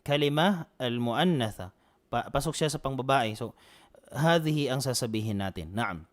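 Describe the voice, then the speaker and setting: A man's voice: mid-range voice, lively intonation, moderate pace. A man teaching an online Arabic lesson, patiently repeating and drilling phrases. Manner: answers students by name.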